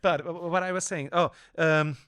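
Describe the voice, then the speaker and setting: A man's voice: fairly high pitch, steady tone, moderate pace, fairly bright tone, smooth, no room sound. A man co-hosting a casual podcast chat who works as an acting coach, talking hesitantly and often restarting or correcting himself.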